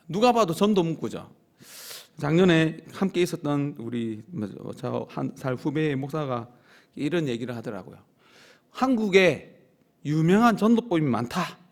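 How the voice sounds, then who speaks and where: A man preaches in a church sanctuary with a high voice. He swells into loud, emphatic peaks and then drops to low, quiet asides, leading his congregation in call-and-response lines. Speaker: pastor. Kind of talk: sermon.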